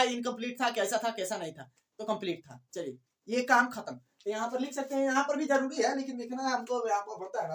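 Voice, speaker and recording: In a classroom lecture on biology, a woman with a slightly high voice repeats herself and keeps asking rhetorical questions, dropping in English terms. The recording is distant and roomy, made in an echoey room with her seated well away from the microphone.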